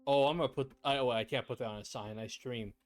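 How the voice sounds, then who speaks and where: A man's voice: medium pitch, fast. Male streamer, casual game chat, playful self-deprecating banter, mid-range voice. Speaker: streamer and gameplay host.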